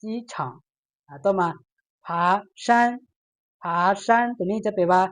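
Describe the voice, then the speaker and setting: A woman's voice: mid-range voice, expressive. A woman with a Lao accent teaching a beginner Chinese lesson, saying each word twice and explaining its meaning. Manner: slow, repeats each word, reads Chinese aloud brighter and louder. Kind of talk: language lesson.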